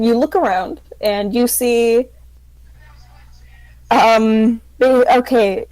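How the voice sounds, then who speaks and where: A woman game master improvising casual tabletop narration in an informal, halting way. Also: a little high, a little mellow, no room sound, poor audio.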